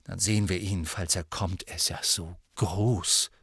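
A man voicing a quick, earnest teenage schoolgirl witch who talks in a brisk, matter-of-fact way. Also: deep voice, fairly even intonation, fairly bright tone, breathy edge, no echo, studio quality, voice pushed down, full character voice.

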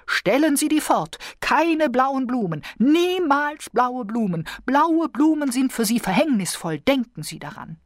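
A woman voicing a frantic female fortune teller who gives slow, urgent warnings in a singsong voice. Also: sits high, very animated, dry recording, clean studio sound, pitched above the performer's own voice.

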